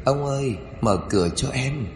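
A man's voice: mid-range voice, moderate pace, roomy sound, noisy background, voice pushed up, lightly acted. A man voicing a pleading female ghost. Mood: eerie pleading. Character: wailing female ghost luring her husband.

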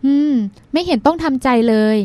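A woman reading the part of a calm, gentle young man speaking softly to his girlfriend in an audiobook. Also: extremely high pitch, normal speed, no room sound. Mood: soothing.

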